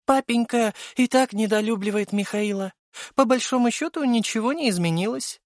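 A man's voice: very high-pitched, normal speed, no room sound, clean studio sound, pitched above the performer's own voice. A man voicing a teasing, mischievous young woman. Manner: playful, mocking, theatrical.

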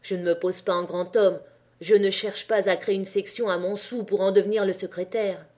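A woman's voice: mid-range voice, fairly even intonation, moderate pace, a little mellow, close to an everyday voice. A woman reading the part of a proud, bitter male innkeeper who accuses his rival in a heated way, in an audiobook. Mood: scornful.

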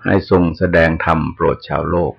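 An older man, a Buddhist monk, giving a sermon in a slow, measured way with pauses as he explains. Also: dull audio.

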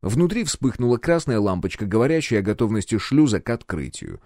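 A man's voice: medium pitch, sing-song, a little fast, darkish tone, no echo, studio quality. A man narrating a first-person science fiction audiobook in a menacing, clipped way.

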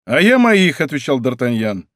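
A man voicing a bold young musketeer lieutenant who gives brisk, mocking orders in a storybook reading. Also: medium pitch, very animated, fairly bright tone, no room sound, clean studio sound.

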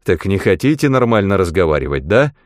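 A man voicing an arrogant male linguist who speaks slowly, quietly and with threat. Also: low voice, very animated, dry recording, studio quality. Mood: menacing.

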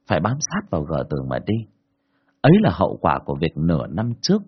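A man narrating a horror story in an expressive, dramatic way. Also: on the low side, slightly rough. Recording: dull lo-fi recording.

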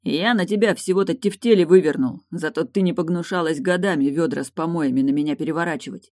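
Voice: mid-range voice, fast talker, no room sound, studio quality, close to an everyday voice. A single reader voicing a resentful young man who lashes out in anger, in audiobook style. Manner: resentful, shouting. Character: angry, wounded young man. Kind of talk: audiobook character voice.

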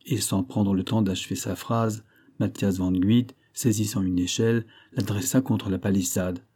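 Low, husky male audiobook narrator. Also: steady tone, moderate pace, mellow. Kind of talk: scripted narration of a classic novel.

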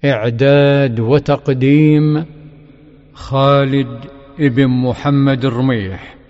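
A man's voice: mid-range voice, fairly even intonation, slow, a little mellow. A man announcing a radio program's title and credits in a solemn, scripted style of formal standard Arabic. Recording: dull recording with long reverb.

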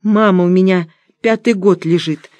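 A woman's voice: on the low side, moderate pace, a little mellow, dry recording, natural voice. A woman reading an audiobook, voicing a wary young female student with a raised, complaining tone. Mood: defensive.

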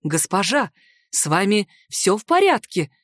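A woman's voice: medium pitch, sing-song, measured pace, no echo, studio quality. A woman reading aloud and voicing a loyal young male retainer, protective of his lady. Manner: concerned, then coldly threatening. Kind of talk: audiobook character voice.

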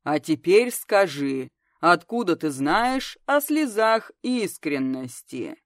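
Woman voicing a stern reaper in a deep rumbling voice. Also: very animated, takes it slowly, no echo, clean studio sound. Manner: stern, commanding questioning. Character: male reaper interrogating in a low, rumbling voice. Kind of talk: audiobook narration.

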